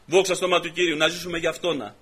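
A man preaching a testimony sermon to his congregation, fervent and building up into loud, repeated exhortations. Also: fairly high pitch, level tone, slightly rough. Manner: peppers stories with repeated "I say".

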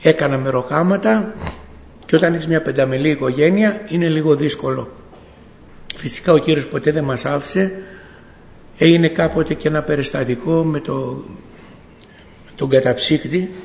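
A middle-aged church member gives his faith testimony to a congregation in a gravelly, slightly high, darkish voice, pausing often. He tells it as a story, acting out dialogue and frequently correcting himself, while a long reverb rings through the church hall.

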